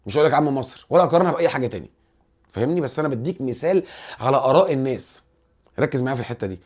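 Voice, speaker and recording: A man with an Egyptian accent hosting a casual football commentary vlog, animated and rambling, restarting his words often. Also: medium pitch, rapid-fire, breathy edge. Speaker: football channel host.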